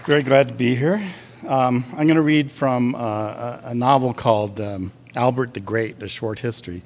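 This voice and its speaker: A male author reading aloud from his own novel, with a measured delivery and a few hesitant fillers. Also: mid-range voice, fairly even intonation, slight background noise.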